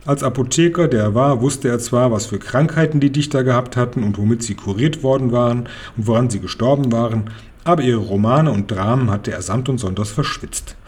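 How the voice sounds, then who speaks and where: A man reading a children's novel aloud in a lively storytelling manner. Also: medium pitch, fairly quick. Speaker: reader.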